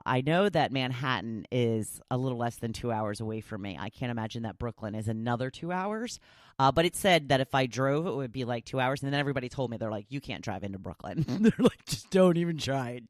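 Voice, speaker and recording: An excitable woman hosts her podcast in a casual solo chat. She gushes, and she throws herself into voicing the people she quotes. The recording is close and dry, with no room sound. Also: a bass voice, no room sound. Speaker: podcast host.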